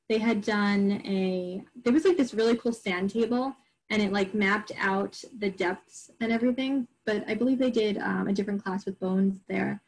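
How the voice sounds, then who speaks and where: A woman's voice: mid-range voice, poor audio. A middle-aged woman from Long Island giving an informal presentation to parents, chatty and full of fillers and restarts. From Long Island, New York. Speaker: homeschool group presenter. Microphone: recorded online program.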